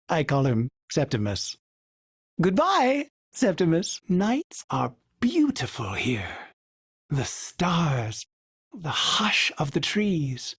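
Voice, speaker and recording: A full character voice with a breathy edge brings to life a polite, fussy male starship AI who refers to himself in the third person. Filtered to sound glitchy and synthetic, he's courteous and dryly witty with a wistful tone and sudden pitch jumps. These game lines have no room sound.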